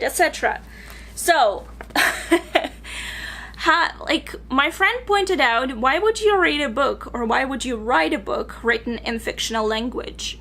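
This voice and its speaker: A woman's voice: high-pitched, fairly bright tone, slight background noise. A young woman from Bulgaria chatting enthusiastically through her book reviews in a casual vlog.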